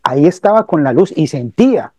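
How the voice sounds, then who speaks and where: A man joining a casual spiritual talk, explaining calmly and asking his listeners questions. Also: on the high side, fairly quick, dry recording.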